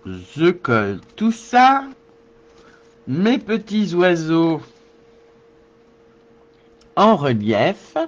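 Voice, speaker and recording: A man hosts a live card-making tutorial, working slowly and thinking aloud while answering his viewers. His voice is on the high side and sing-song, and the sound is lo-fi.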